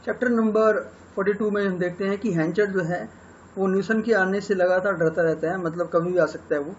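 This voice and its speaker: Indian man lecturing, high-pitched voice. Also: fairly even intonation, brisk, lo-fi sound, slight background noise. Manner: explanatory, mixes Hindi and English, frequent fillers. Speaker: English literature teacher. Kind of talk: lecture summarizing a novel.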